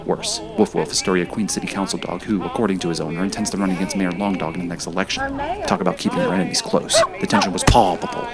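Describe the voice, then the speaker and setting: A man's voice: low-pitched, quick pace, over loud music. A man narrating his own documentary in a dry, wry, mock-serious voiceover.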